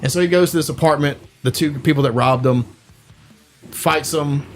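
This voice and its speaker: A man's voice: on the high side, normal speed. Casual host, male, rambling storyteller heavy on fillers, faint music under him. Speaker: podcast host. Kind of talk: casual chat.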